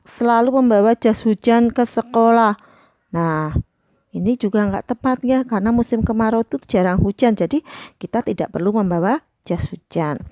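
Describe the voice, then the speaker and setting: Woman, teacher, reads textbook lesson aloud, explains answers with fillers, middle pitch, dry close sound. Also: darkish tone, dry recording. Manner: explains each answer, many "nah" and "eh" fillers. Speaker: primary school teacher.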